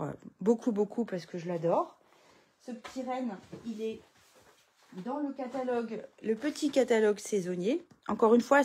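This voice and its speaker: Chatty husky woman crafting. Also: mid-range voice. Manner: chatty, lively, many fillers and restarts. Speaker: papercraft tutorial host. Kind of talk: casual craft tutorial chat. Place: home craft room.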